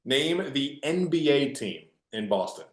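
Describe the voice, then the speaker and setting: A man's voice: mid-range voice, measured pace. A young man hosting a student sports podcast, chatting casually and joking with fillers. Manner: relaxed, joking, filler-heavy. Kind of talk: casual interview chat. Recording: echoey room.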